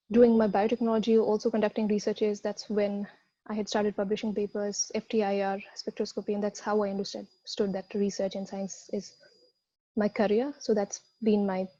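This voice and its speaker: A woman scientist from India speaking on an online panel over a video call, halting with many "uh" fillers. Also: medium pitch, level tone, mellow, dry recording, lo-fi sound.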